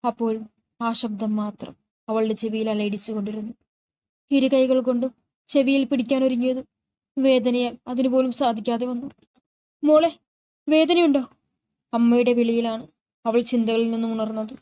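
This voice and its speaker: A woman storyteller narrating a romantic thriller audiobook in a steady, emotive reading voice, close to the mic. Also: a little high, normal speed, no room sound.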